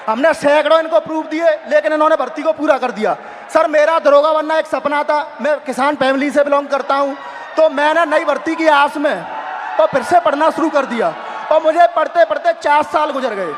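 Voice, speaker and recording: A young man speaks publicly as an exam aspirant, his voice raised and very high. He presses his grievances insistently, point after point. The sound rings through a large hall with some crowd and background noise. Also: brisk. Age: young adult. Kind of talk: impassioned public testimony.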